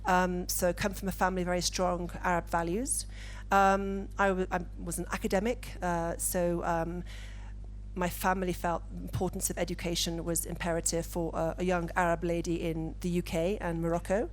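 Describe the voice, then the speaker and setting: Woman panelist from the UK, lowish flat delivery, handheld mic, measured. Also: slight background noise. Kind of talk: panel discussion. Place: conference stage.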